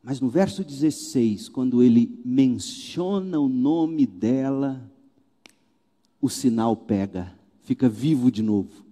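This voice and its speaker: A man preaching from a church pulpit, animated, with rhetorical questions and wry asides. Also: medium pitch, slow, long reverb tail. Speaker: pastor. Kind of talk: sermon.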